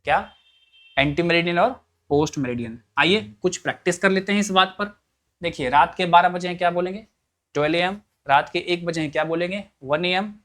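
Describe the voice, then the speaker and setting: A male teacher runs a spoken-English class, asking his students one quick question after another. His voice sits a little high for a man, and his casual, joking manner keeps the lesson light. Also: fairly bright tone. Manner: drills students with repeated questions like "yes or no?"; joking and colloquial.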